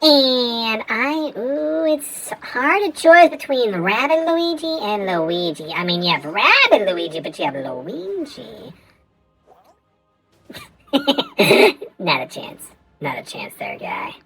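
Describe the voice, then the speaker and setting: A male streamer talking through a high-pitched chipmunk voice filter, giving playful live game commentary that exclaims and stammers. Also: very animated, takes it slowly, creaky, sharp tone, faint music behind, exaggerated voice.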